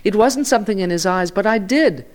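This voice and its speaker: A man's voice: a little high, expressive, normal speed, lightly acted. A man voicing an elderly male journalist who tells his story with rising heat. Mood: impassioned.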